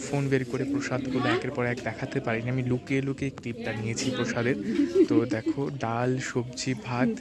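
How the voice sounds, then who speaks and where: A man narrating a casual vlog, chatting straight to his viewers from a village. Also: mid-range voice. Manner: chatty, addresses viewers directly. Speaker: vlogger. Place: village outdoors. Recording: background noise and outdoor ambience.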